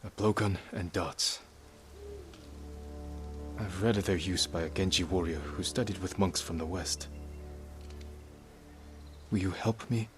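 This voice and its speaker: An actor playing a stoic, resolute young samurai lord in video game dialogue, speaking in a grave, measured, restrained way. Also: male voice, sits low, music in the background. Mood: grave, determined.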